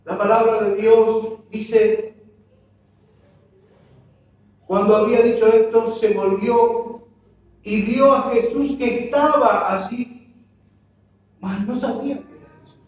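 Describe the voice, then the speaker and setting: A man's voice: high-pitched, steady tone, a little slow, a little mellow. A man preaching a sermon, impassioned and full of rhetorical questions to the congregation, recorded in a church. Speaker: pastor. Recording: very echoey church hall, mic far off.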